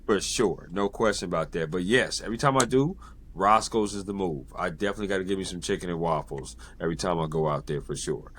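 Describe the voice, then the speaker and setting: A man with a very low, deep voice hosts a casual podcast chat. He comes from San Diego and talks loosely, stacking fillers and friendly affirmations as he goes. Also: quick pace, a little hiss or hum. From San Diego, United States. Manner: relaxed, many fillers and repeated affirmations. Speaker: podcast host and sports journalist.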